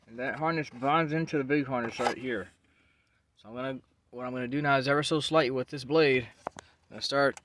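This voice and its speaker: A man talks through a car repair in an easygoing, rambling way. He thinks aloud with fillers while he works, his voice at an average pitch. He is recorded on a handheld phone inside a car, with faint noise in the background. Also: fairly bright tone. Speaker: car repair video maker. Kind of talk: casual how-to narration.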